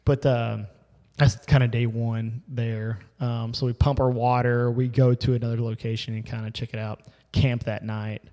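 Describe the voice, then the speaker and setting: Excitable man rambling through a hunting story. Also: mid-range voice, normal speed, in a large hall. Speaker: podcast co-host telling a hunting story. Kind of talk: casual chat.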